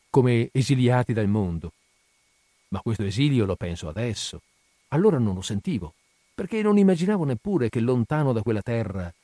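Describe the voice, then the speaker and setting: A man reading a literary short story aloud in a measured, expressive way, lifting his voice for the characters' dialogue. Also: fairly low pitch, dry recording. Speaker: narrator.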